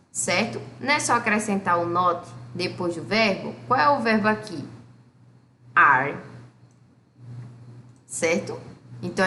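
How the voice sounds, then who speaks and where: Brazilian woman teacher, crisp bright tone with some vocal fry, patient explainer, echoey room. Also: medium pitch, slight background noise. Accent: Brazilian Portuguese. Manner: patient, asks rhetorical questions and answers them; reads English examples slowly. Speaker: English teacher. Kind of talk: explaining a school lesson.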